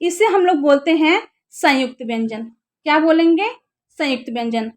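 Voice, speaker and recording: A woman's voice: high voice, animated, moderate pace. A young woman teaching an exam-prep lesson, who asks her class questions and answers them herself while repeating the key terms.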